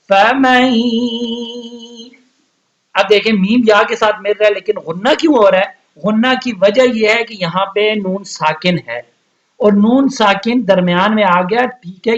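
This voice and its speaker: Guy teaching quran reading online, pretty high voice, rushes the rules then drags out each letter, muffled audio. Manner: quick explanations, then slow drawn-out spelling of letters.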